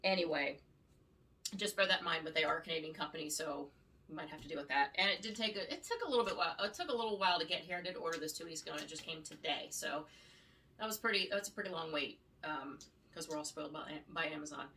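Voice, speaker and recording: A woman's voice: low voice, quick pace, pushed and bright. Chatty woman vlogger, distant mic. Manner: chatty, rambling with restarts. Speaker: vlogger reviewing luggage. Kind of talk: casual unboxing review. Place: home room. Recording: distant mic, faint noise.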